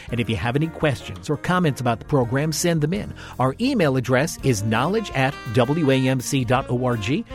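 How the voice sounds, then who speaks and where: A man hosting a public radio program, reading announcements in a steady announcer delivery. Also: medium pitch. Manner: smooth, steady announcer read. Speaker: radio show producer and host.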